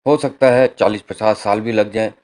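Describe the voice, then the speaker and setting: A man's voice: lowish voice, normal speed, a little mellow, lightly acted. A man reading the lines of a boastful, crooked cartoon villain who makes grand empty promises, in his own plain storytelling voice. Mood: sheepish.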